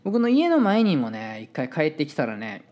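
A man's voice: on the high side, huge pitch swings, normal speed, a little mellow. A man with a Kansai Japanese accent telling a story in a casual, chatty monologue and acting out the voices of people he quotes.

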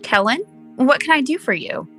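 Bright, tense, secretive woman, played by an actress. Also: high-pitched, lively intonation, normal speed, faint music behind. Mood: guarded. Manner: evasive, tense. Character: guarded, secretive woman about to flee. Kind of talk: audio drama acting.

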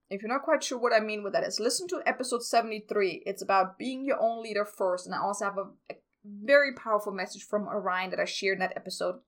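A woman hosting a spiritual podcast, talking informally to listeners in an earnest, confiding and emphatic way. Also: mid-range voice. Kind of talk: informal personal talk to listeners.

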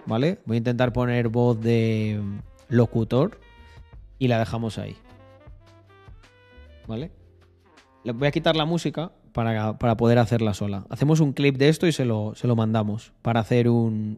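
A man's voice: medium pitch, moderate pace, darkish tone, soft background music. A young man with a Spain Spanish accent chatting casually on a live stream, joking and laughing at himself. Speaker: streamer and podcast host.

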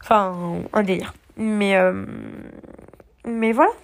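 A woman's voice: mid-range voice, steady tone, slow, a little hiss or hum. A young woman vlogging her travel day in a casual, rambling way, full of fillers and restarts, with a slight cough from being a bit sick. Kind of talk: casual travel diary vlog.

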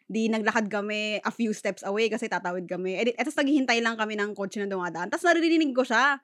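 A woman co-hosting a casual podcast chat, telling stories in an animated, chatty way with a Filipino accent. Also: mid-range voice, quick pace, no echo, studio quality. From Philippines. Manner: animated, chatty storytelling with frequent fillers. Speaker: podcast co-host.

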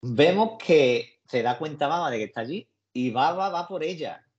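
A man's voice: on the high side, animated, moderate pace, darkish tone. Chatty Spanish man, muffled recording. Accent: Spain Spanish. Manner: rambling, colloquial retelling of scenes. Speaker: podcast co-host discussing a series. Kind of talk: casual chat.

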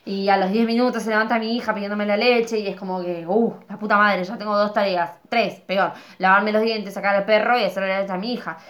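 A woman's voice: mid-range voice, fairly even intonation. A woman with an Argentine accent, tipsy from wine, ranting and complaining in casual chat, swearing as she goes. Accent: Argentine Spanish. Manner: rapid, swearing, complaining rants.

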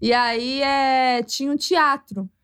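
Woman, Brazilian accent, podcast co-host, casual storytelling, slightly high voice. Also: slow pace, clear, resonant tone. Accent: Brazilian Portuguese. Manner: animated storyteller, acts out quoted voices. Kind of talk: casual chat.

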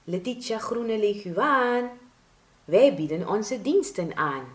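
A woman's voice: mid-range voice, expressive, slow, voice pushed up. A woman voicing a friendly family of grass blades who whisper in rhymes in a storybook. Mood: welcoming. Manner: sing-song whispering, rhyming. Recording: roomy echo.

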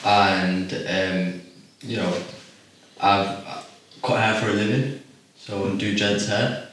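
A man in his twenties, originally from Iraq, tells his story in a low, measured voice, pausing often with ums as he gathers his thoughts. He sits well back from the microphone, and the room rings with strong echo. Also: level tone, a bit bright, a little hiss or hum. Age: 20s. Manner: measured, reflective, pauses with ums. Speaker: podcast guest. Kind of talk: casual interview. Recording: echoey room, far from the mic.

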